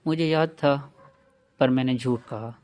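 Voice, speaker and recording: A man tells a love story in the first person, earnest and emotional. His voice sits at an ordinary pitch and sounds close and dry, with no room around it. He reads steadily. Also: a little mellow, no echo.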